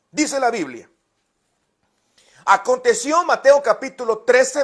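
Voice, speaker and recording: High-voiced male pastor preaching. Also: fairly bright tone. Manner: repeats words, addresses listeners directly. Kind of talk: sermon with storytelling.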